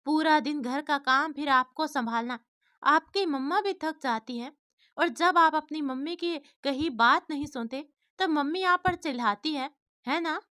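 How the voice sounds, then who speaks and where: A woman voicing a gentle young wife, soft and coaxing. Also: high-pitched, a little slow, no room sound, studio quality. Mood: gently scolding.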